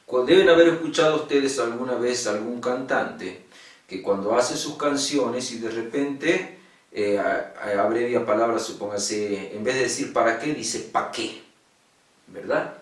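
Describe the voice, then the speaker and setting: A secondary school teacher, male, takes his online class patiently through poetic meter, going over key words again and confirming students are with him. Unhurried and mid-range, his voice is picked up off-mic from a distance, with the room echoing.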